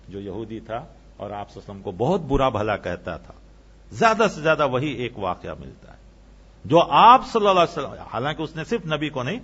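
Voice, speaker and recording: Impassioned male preacher, lively rising pitch. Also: dull audio. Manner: impassioned, rising to emphatic peaks then dropping low. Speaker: Islamic preacher. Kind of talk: sermon.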